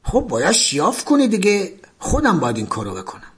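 A man's voice: fairly high pitch, husky. A man voicing a harsh, mocking male prison colonel in a memoir reading, speaking curtly. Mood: scornful.

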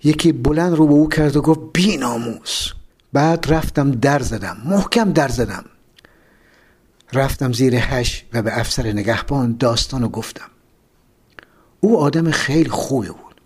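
A man narrating a first-person memoir, telling it in an animated way and acting out the dialogue. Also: medium pitch, husky. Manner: animated storytelling with acted dialogue.

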